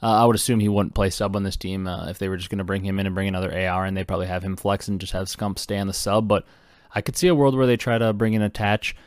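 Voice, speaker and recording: A young man hosting a podcast, talking fast and excitedly with lots of fillers while he reacts to breaking esports news. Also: sits low, clear, resonant tone, dry recording, studio quality. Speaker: podcast host. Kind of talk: casual esports news commentary.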